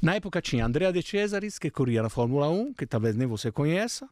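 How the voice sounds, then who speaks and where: A man's voice: fairly high pitch, quick pace, no room sound, studio quality. A man in his fifties from Italy with an Italian accent, chatting as an interview guest and acting out the voices of people in his stories. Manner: animated storyteller acting out quoted voices. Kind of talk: casual interview chat.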